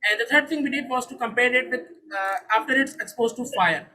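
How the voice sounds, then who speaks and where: Bright-voiced young man pitching earnestly. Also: brisk, poor audio. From Saudi Arabia. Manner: earnest, formal, with polite "sir". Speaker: startup founder. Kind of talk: startup pitch and Q&A.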